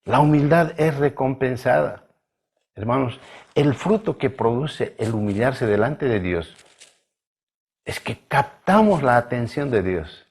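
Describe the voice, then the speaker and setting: A male pastor from Bolivia preaching a sermon in a measured, emphatic way, drawing out key words. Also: medium pitch, expressive, darkish tone, slightly rough. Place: church livestream.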